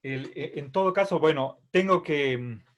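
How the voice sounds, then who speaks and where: A man's voice: a little high, normal speed. A man teaching a philosophy class, explaining terms patiently with many fillers and checks for understanding. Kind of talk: online philosophy lecture.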